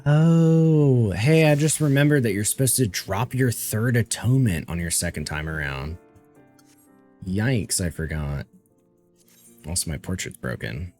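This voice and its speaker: A man's voice: lowish voice, measured pace, darkish tone, soft background music. A man streaming a game, chatting casually and swearing offhandedly. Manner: laid-back, swears casually. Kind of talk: casual chat while gaming.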